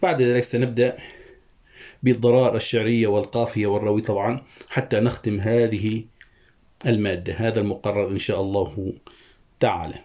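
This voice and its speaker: A middle-aged man teaching a lesson on poetic meter, scanning verses slowly and chanting each syllable. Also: fairly low pitch, steady tone, warm tone. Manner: slow deliberate syllable-by-syllable scansion, drawn-out chanting of syllables. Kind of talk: Arabic prosody lesson.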